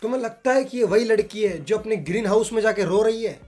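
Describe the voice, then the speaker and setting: A man's voice: high-pitched, fast talker, very noisy. A man hosting a reaction video, chatting casually in an exasperated and profane way.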